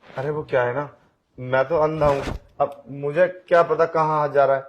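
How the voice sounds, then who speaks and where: A man's voice: fairly high pitch, fairly even intonation, moderate pace, highs cut off, a little hiss or hum, lightly acted. A man voicing a pushy blind young man in an audio drama, coaxing and insistent in his talk. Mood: wheedling. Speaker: voice actor. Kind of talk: Hindi audio drama acting.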